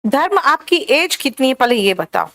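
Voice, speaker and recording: A woman's voice: sits high, sing-song, pushed and bright. A woman teaching an online grammar lesson, patiently drawing out her examples and calling her students "beta". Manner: patient, drawn-out explaining, calls students "beta".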